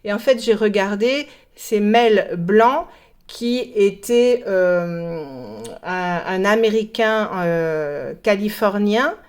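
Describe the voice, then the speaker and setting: Slow, hesitant French woman teacher. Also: medium pitch, animated, a little mellow, smooth. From France. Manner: hesitant, many pauses and fillers. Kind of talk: casual explanatory lesson.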